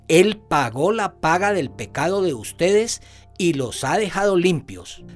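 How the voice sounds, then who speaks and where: Fervent interpreted sermon voice. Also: mid-range voice. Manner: fervent, emphatic preaching with repeated assurances.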